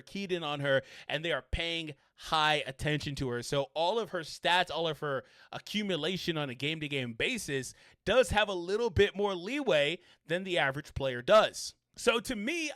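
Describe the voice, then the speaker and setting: A man's voice: sits high, a bit bright, dry recording. A man hosting a casual sports commentary vlog, chatty with wry asides to his viewers.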